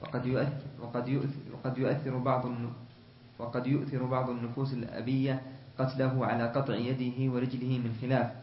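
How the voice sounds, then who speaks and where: A man's voice: medium pitch, little pitch movement, roomy sound, dull audio, a little hiss or hum. A man, a student in a lesson, reading a classical legal text aloud and restarting on words now and then. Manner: quick recitation with restarts on words.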